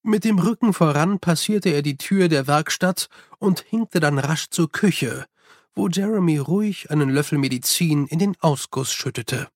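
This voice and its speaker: A man reading a novel aloud as scripted narration, in a lively, expressive way. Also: a little high, normal speed, no room sound, clean studio sound. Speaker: audiobook reader.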